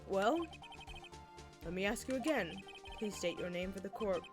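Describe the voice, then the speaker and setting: Woman doing old judge guy from a court game, formal n measured, loud music under it. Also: mid-range voice, lightly acted. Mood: solemn. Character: elderly male courtroom judge, formal and ponderous.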